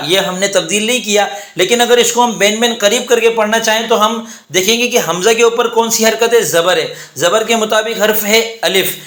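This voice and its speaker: A man teaching Arabic grammar in a methodical lesson, saying example words slowly and repeating them. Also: sits high, a bit bright. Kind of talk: explanatory lesson. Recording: echoey room.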